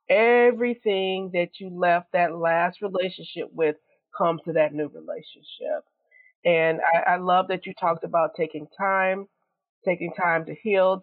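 A woman's voice: lowish voice, dry recording. A woman hosting a discussion, affirming her guests and reflecting on their words with repeated phrases. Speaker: host. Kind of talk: talk show discussion. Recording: dry tinny phone-like audio.

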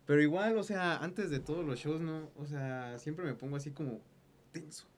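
A young man with a Mexican accent hosting a podcast, chatting casually in slang and laughing often. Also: a little high. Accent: Mexican Spanish. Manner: slangy, laughing, quick back-and-forth. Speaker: podcast host. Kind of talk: casual chat.

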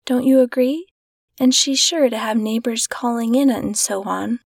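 A woman reading the lines of a brisk, decisive upper-class mother in a storybook reading, on a dry close mic. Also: a little high, gravelly, dry recording.

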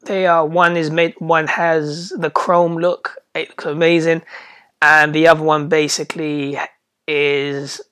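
A British podcast host with a slightly hoarse voice after an illness, chatting casually in a rambling, slangy way and often stumbling over and repeating words. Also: mid-range voice, flat delivery, unhurried, a bit bright.

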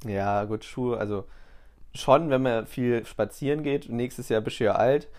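A man's voice: medium pitch, unhurried, darkish tone. A young man in his twenties co-hosting a podcast, teasing his friend in casual chat. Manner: teasing, joking. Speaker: podcast co-host.

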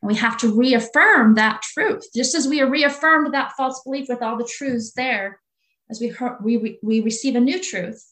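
Her voice is a little high and a bit bright, moving at a moderate pace, though the audio is poor. She's a woman in her late forties, a guest in a faith-based conversation, speaking earnestly from the heart and often echoing her own phrases.

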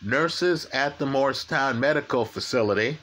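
In a medium-pitched, somewhat bright voice, a man comments on a true crime case. He talks slowly and emphatically, going back over the crucial facts and pausing to ask his listeners "right?"

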